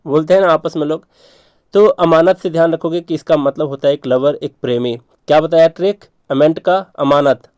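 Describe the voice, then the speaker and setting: A man's voice: on the high side, a little mellow, clear, resonant tone, no echo. A man teaching vocabulary tricks for exams, repeating points and checking in with rhetorical questions. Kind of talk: exam vocabulary lesson.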